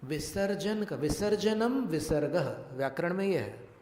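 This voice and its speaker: A male monk giving a religious discourse, teaching Sanskrit pronunciation slowly and deliberately and putting questions to his listeners. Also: fairly high pitch, expressive, a little mellow, slight background noise. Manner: slow, deliberate, questions the audience. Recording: echoey hall with long reverb.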